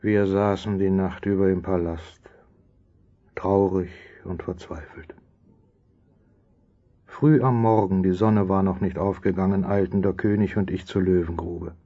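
A loyal courtier telling his story solemnly. His voice is fairly low, with deliberate dramatic phrasing and a slightly muffled sound. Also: fairly even intonation, mellow. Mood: sorrowful. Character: loyal royal courtier recounting events as storyteller. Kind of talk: dramatised scripted narration.

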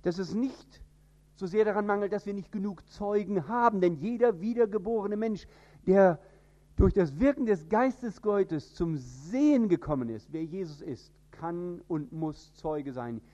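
A man from northern Germany with a standard High German accent, preaching an emphatic sermon. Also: lively intonation, unhurried, muffled recording. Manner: emphatic, with sudden rises in pitch and loudness.

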